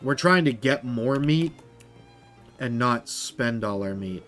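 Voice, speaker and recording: A man's voice: mid-range voice, animated, slow, fairly bright tone, soft background music. A man chatting casually through a let's play, with rambling, self-mocking asides. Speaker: gamer.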